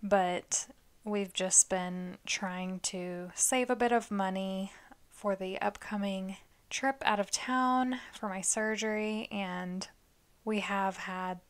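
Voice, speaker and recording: A woman's voice: medium pitch, steady tone, slow, smooth. Chatty, playful woman hosting a podcast. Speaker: podcast host. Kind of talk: casual chat.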